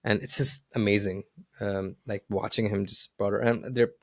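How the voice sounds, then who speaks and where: A man's voice: fairly low pitch, fairly even intonation, dry recording, studio quality. A man hosting a podcast interview, chatting casually with frequent restarts and fillers. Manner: halting, many restarts and "you know" fillers. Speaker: podcast host.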